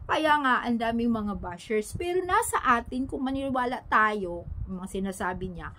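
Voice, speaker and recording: A woman's voice: on the high side, lively intonation, normal speed, sharp tone, poor audio. A woman chatting casually to her viewers, retelling hearsay and asking them for agreement. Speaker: showbiz gossip vlogger. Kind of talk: casual gossip commentary to viewers.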